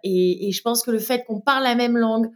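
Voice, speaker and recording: A woman's voice: on the high side, fairly quick. A woman from France with a French accent, a brand co-founder speaking candidly in a casual interview, with frequent hesitations. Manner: many fillers and restarts, candid.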